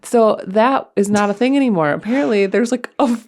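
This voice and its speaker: A woman's voice: a little high, a little fast, darkish tone. A woman co-hosting a podcast, chatting casually as a mother in a rambling way with lots of fillers. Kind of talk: casual chat.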